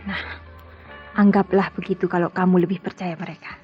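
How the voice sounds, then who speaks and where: A woman with a lowish, level, fairly quick and natural voice plays a married doctor in an old-style radio drama. She is guarded and curt, deflecting questions. The recording sounds dull and lo-fi, with music behind her.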